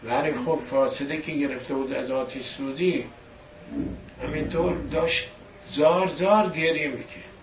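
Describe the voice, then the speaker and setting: Religious teacher preaching, emphatic, stresses words, recorded from far off with a dull sound, faint room hum. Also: male voice, a little high, fairly even intonation. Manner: emphatic, pushes key words louder. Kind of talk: storytelling sermon. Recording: echoey room from a distant dull mic.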